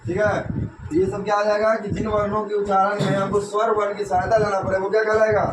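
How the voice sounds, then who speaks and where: A man's voice: high voice, monotone, brisk, far from the mic. A man teaching a classroom grammar lesson, quizzing the students with repeated questions. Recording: echoey classroom with noise.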